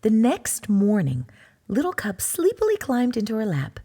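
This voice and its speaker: A woman reading a children's storybook aloud, slow, gentle and expressive, with soft whispered asides. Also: a little high, husky. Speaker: children's book narrator.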